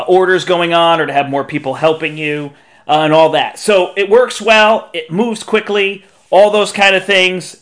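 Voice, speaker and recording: A man with a somewhat high-pitched voice hosts a podcast about games. He talks in an informal, chatty way with a touch of the showman. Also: fairly bright tone. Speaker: podcast host. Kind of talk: board game podcast talk.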